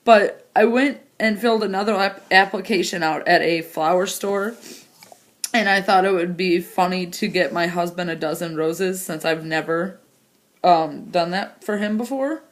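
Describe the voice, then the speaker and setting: A young woman vlogger gives an emotional personal update, crying and laughing as she rambles through it. Her voice is fairly low and her pace moderate.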